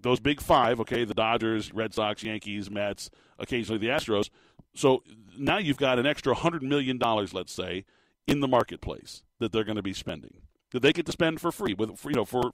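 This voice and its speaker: A man's voice: mid-range voice, no room sound. An American man working as a sports radio host, talking solo in a conversational, colloquial way with emphatic asides, as in commentary and on-air contest promos. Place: radio studio, dry close sound.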